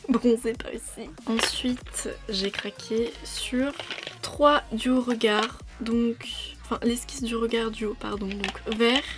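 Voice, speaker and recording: A woman talks casually to her viewers in a fairly high voice, wandering from point to point with plenty of fillers. She speaks into a proper microphone, with faint music playing quietly underneath. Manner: chatty, rambling, with frequent fillers. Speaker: beauty vlogger. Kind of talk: casual chat to camera. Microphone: new proper microphone.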